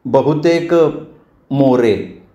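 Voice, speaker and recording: Guy putting on a timid young girl voice, soft short answers, mellow, echoey room. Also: medium pitch, extremely slow. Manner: hesitant, soft, short replies. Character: shy young woman, a worried daughter. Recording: roomy, dull lo-fi recording.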